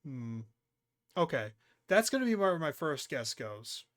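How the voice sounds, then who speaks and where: A man's voice: fairly high pitch, big pitch swings, unhurried, a bit bright, no echo, studio quality. A man playing as a quiz contestant, chatting casually, thinking aloud and swearing freely.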